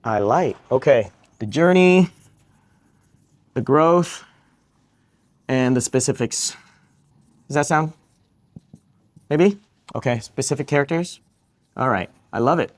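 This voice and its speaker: A man's voice: medium pitch, lively intonation, slow pace, long pauses. A man from Vietnam who works as a psychiatrist, giving a live question-and-answer talk to students, upbeat and joking, repeating each question back.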